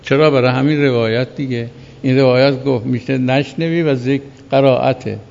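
Gravelly man lecturing in an echoey hall. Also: medium pitch, steady tone, darkish tone. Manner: explanatory, asks "right?" to check understanding. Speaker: seminary teacher. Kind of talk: jurisprudence lecture. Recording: dull echoey recording in a large hall.

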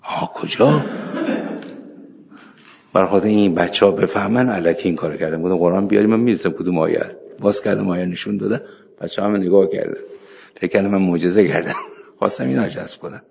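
A man's voice: deep voice, vocal fry, darkish tone, breathy edge. A middle-aged man, a cleric, giving an informal religious lecture, telling anecdotes, reciting scripture and chuckling now and then. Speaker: cleric teaching seminary students. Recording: echoey hall, dull lo-fi sound.

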